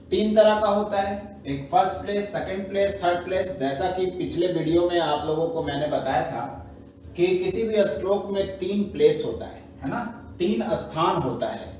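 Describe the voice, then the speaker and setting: A man's voice: sits high, darkish tone. A man teaching a shorthand class, explaining step by step and often checking with his students. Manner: slow, repetitive teaching with frequent "है ना" and "ठीक है" checks. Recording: echoey room, mic at a distance, faint background noise.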